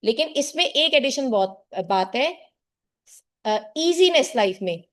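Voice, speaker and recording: A woman's voice: high voice, animated, slow, fairly bright tone. A middle-aged woman tutor giving an earnest motivational talk to her class and calling her students "child.". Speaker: tuition teacher.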